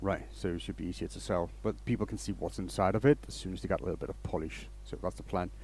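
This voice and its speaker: A man's voice: deep voice, quick pace, a little mellow, slightly rough. Man chatting on a livestream. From Denmark. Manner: rambling, restarts sentences, greets chat viewers by name. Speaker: woodturning livestream host. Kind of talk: casual live-stream chat while working.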